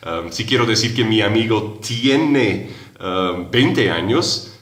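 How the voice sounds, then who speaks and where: A man in his forties teaching an English lesson, explaining slowly and patiently with many hesitations and self-corrections. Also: fairly low pitch, lively intonation, a bit bright, roomy sound. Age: 40s. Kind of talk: recorded language lesson.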